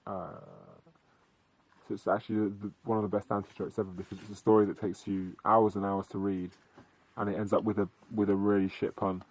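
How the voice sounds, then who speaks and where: A man's voice: on the low side, poor audio. A young British man rambling casually as a podcast host, with dry humour and plenty of swearing and slang. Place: outdoors in a field at night.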